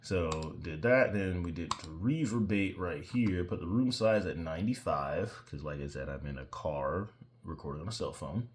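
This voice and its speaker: A man with a very deep voice talks through his own mixing session in a loose, offhand way. He rambles, drifts off topic now and then, and makes fun of his own skills. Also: lively intonation, moderate pace, a little hiss or hum. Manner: rambling, self-deprecating, digresses. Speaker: musician walking through his own mix. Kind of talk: casual screen-share tutorial.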